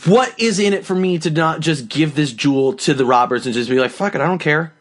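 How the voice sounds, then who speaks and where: A man in his thirties on a comedy podcast, animated and sweary, picking apart the premise with questions. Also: a little high, fairly quick. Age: 30s. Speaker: podcast co-host. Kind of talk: casual comedy podcast chat.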